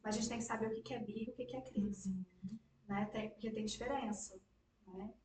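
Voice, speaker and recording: A woman's voice: medium pitch, fairly even intonation, fairly quick, darkish tone, far from the mic, slight background noise. A Brazilian Portuguese-speaking woman teaching a class, direct and reassuring, with frequent tag questions. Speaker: instructor. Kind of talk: class discussion. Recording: echoey room, away from the mic.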